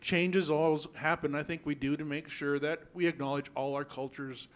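A man's voice: fairly high pitch, steady tone. Earnest man speaking at a board meeting. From Yakama Reservation, Washington. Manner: halting, earnest, clears throat often. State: nervous, voice shaking. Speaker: school board member. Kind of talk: public meeting remarks. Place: school board meeting room. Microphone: handheld microphone.

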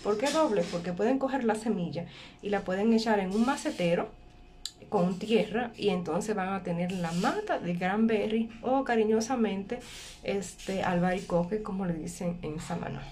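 A woman's voice: medium pitch, animated, moderate pace, warm tone. A woman casually demonstrating a recipe step by step, often repeating herself and checking in with the listener. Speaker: home cooking vlogger. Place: small indoor kitchen at a workplace. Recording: clear background kitchen noise.

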